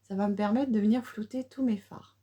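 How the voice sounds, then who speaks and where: A woman's voice: medium pitch, fairly even intonation, a little fast, mellow, lo-fi sound. A middle-aged woman chatting through a casual makeup tutorial, with many fillers and restarts. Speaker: beauty vlogger.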